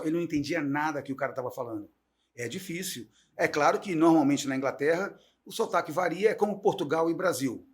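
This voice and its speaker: A middle-aged man, a guest teacher, talking in an animated, chatty storytelling way on a talk show. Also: fairly high pitch. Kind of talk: casual talk-show conversation.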